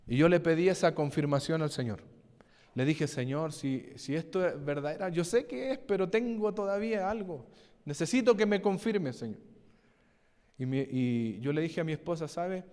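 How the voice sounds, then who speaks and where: A man's voice: on the high side, darkish tone. A man, a pastor preaching a sermon and telling a personal testimony, often asking the congregation questions. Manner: storytelling, asks the congregation questions. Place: church hall. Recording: long hall reverb.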